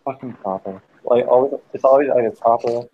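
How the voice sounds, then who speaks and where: A man's voice: mid-range voice, a little fast, slight background noise. Rambling man on lo-fi voice chat. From United States. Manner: rambling, profane, often stops to snap at interruptions. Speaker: group voice-chat host telling a story. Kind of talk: casual chat storytelling. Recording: dull lo-fi voice chat audio.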